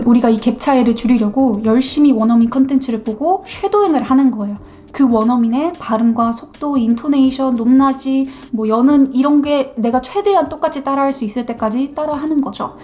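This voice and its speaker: A woman teaching English listening in a relaxed, chatty way. Her voice sits a little high. She addresses the viewer directly and now and then imitates how English phrases sound. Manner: talks straight to viewers, mimics English pronunciations to contrast them. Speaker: English-learning YouTuber. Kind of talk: casual explanatory lesson.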